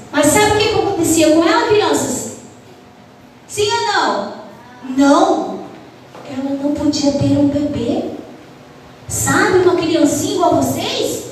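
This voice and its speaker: A woman's voice: high voice, slight background noise. Woman telling children a Bible story. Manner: asks the children questions, animated storytelling. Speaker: children's ministry teacher. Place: church hall. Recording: echoey church hall, far from mic.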